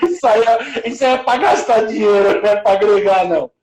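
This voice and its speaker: A man's voice: sits high, a little fast, roomy sound, noisy background. A middle-aged man, a building manager, telling his career story in a casual interview, rambling with many restarts. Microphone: video call.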